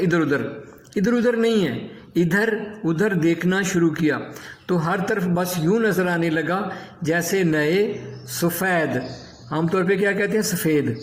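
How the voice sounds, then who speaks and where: A man teaching an Urdu lesson, explaining word meanings and correcting pronunciation by repeating words slowly. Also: high-pitched, roomy sound.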